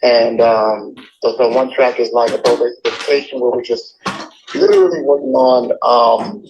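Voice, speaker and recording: A man's voice: mid-range voice, little pitch movement, moderate pace, a little mellow. A man working as a GED instructor, heard over a speakerphone, explaining things with many fillers and restarts. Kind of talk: casual explaining on a phone call. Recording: dull speakerphone line with faint noise.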